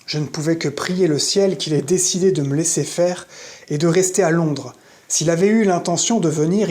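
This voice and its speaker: A reader narrating a novel in an audiobook with steady, measured storytelling. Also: medium pitch. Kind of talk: scripted narration.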